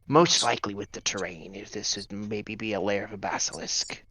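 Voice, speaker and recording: A man's voice: on the low side, steady tone, normal speed, pushed and bright, slightly rough, dry recording. A man chatting casually as a player in a tabletop fantasy game.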